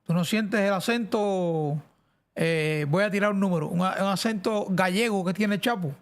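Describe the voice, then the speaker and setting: A man's voice: high voice, moderate pace. A man with a central Cuban accent, chatting casually and rambling on a live game stream. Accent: central Cuban Spanish. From central Cuba. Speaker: streamer host.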